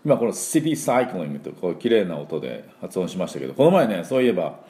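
A middle-aged man with a very low, dark voice teaches pronunciation in a loose, chatty way. His pitch moves a lot as he drags out sample sounds slowly and fills pauses with small filler words. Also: big pitch swings, reverberant. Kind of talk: casual spoken lesson.

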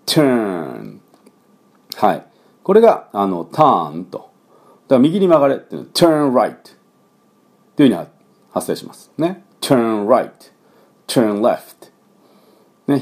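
A man teaching English pronunciation in a relaxed, chatty way with many fillers, coaching learners to repeat after him. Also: lowish voice. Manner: coaching learners to repeat, demonstrating sounds slowly. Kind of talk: pronunciation lesson.

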